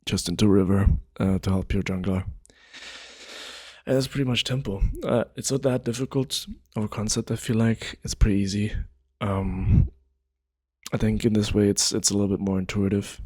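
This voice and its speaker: Laid-back low-voiced man explaining casually. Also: a little mellow, slightly rough, no echo, studio quality. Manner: laid-back, rambling, many fillers. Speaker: gaming video creator.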